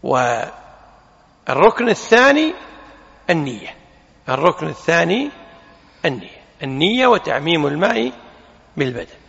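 A man with a fairly high, bright and gravelly voice teaches a religious lesson. He explains a text in a measured way and slows down to weigh single words. The sound is muffled and carries a long hall reverb. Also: big pitch swings. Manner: measured explanatory delivery, slows to stress word forms. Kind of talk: hadith lesson commentary.

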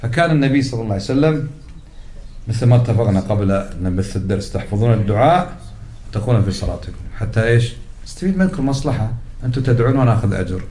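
A man's voice: on the low side, lively intonation, rapid-fire, warm tone, a little hiss or hum. A man teaching a religious lesson, explaining patiently, repeating key words and putting questions to his class. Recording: roomy echoey recording.

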